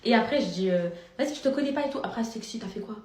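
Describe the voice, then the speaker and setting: A woman's voice: on the high side, expressive, very fast, a little mellow. A woman influencer telling her followers a story in a slangy, chatty vlog, piling on filler tags. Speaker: social media influencer. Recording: roomy echo.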